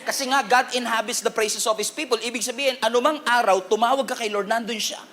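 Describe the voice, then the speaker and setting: A man with a Filipino accent preaching a sermon in a church, animated and humorous, calling on the congregation to respond. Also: very high-pitched, fast. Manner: animated, humorous preaching with Taglish code-switching. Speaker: pastor.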